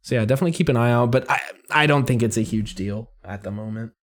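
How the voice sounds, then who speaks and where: A man's voice: medium pitch, fast, a crowd in the background. A man co-hosting a podcast, explaining technical things in a casual, conversational, somewhat hedging way. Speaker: podcast co-host.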